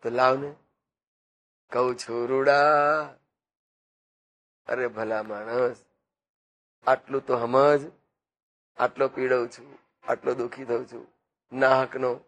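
A man giving a devotional discourse, teaching through slow, repetitive parables and acted-out quotes. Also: mid-range voice, little pitch movement. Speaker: spiritual speaker.

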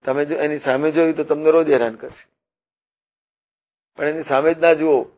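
A man preaching a devotional sermon, teaching slowly and repetitively with rhetorical questions and parables. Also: a little high, steady tone, a little mellow. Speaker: religious preacher.

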